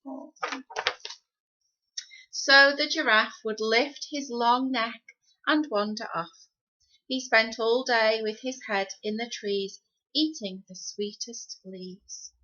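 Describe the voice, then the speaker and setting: A woman reading a children's picture book aloud, pausing for gentle asides about the pictures. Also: on the high side, steady tone, lo-fi sound. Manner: pauses to point out the pictures to young listeners. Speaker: storybook reader.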